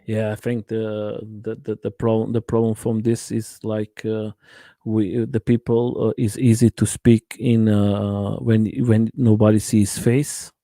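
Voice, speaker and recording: A man hosts a live-stream interview chat on his channel, speaking halting non-native English with many "uh" fillers. His lowish voice is warm but flat in delivery, and the recording is dry.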